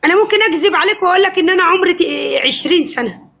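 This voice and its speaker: A woman's voice: extremely high pitch, very fast, gravelly, fairly bright tone. A woman in her thirties with an Egyptian accent, bantering easily with a host over a phone video call with dull lo-fi audio. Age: 30s. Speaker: guest on a livestream. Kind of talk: casual video call chat.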